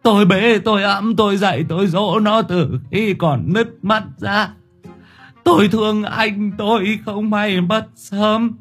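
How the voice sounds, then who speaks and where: A man's voice: sits high, unhurried, a bit bright, husky, soft background music, voice pushed up, heavily acted. A man voicing an old village uncle who wails in self-pity and curses, in an audio storybook. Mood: wailing. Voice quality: quavering, wailing, theatrical self-pity.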